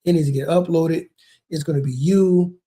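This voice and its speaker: Hosting his own video, a realtor who lives near a large Texas city walks through a process in loose, casual explainer talk, often repeating words and tossing in "man" and "bro." His voice is fairly high-pitched with a dark tone, at normal speed.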